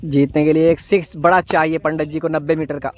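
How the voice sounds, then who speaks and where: A man giving excited live ball-by-ball cricket commentary, announcing each delivery with repeated stock phrases. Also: fairly high pitch, a little fast.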